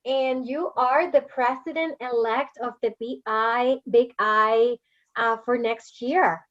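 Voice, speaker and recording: This Puerto Rican podcast host, whose first language is Spanish and who has a Puerto Rican Spanish accent, interviews her guest in a chatty way and laughs readily. Her voice is fairly high and fairly bright, steady and slow, captured on lo-fi sound.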